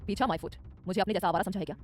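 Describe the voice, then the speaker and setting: A woman voicing Atharv, a proud, cold young billionaire man, gruff and scornful. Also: mid-range voice, fairly even intonation, racing, a little mellow, a little hiss or hum, voice pushed down, close to an everyday voice. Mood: angry.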